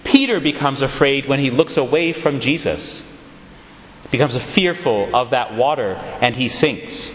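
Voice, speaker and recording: A man preaching a sermon in a church, retelling scripture in a measured, expressive way. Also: mid-range voice, a little hiss or hum. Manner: expressive, measured storytelling delivery. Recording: echoey church hall.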